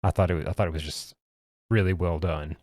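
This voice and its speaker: A man's voice: sits low, steady tone, brisk, darkish tone, dry recording, studio quality. A man hosting a casual podcast, talking in an easygoing, hesitant way with many fillers. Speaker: podcast host. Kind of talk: casual chat.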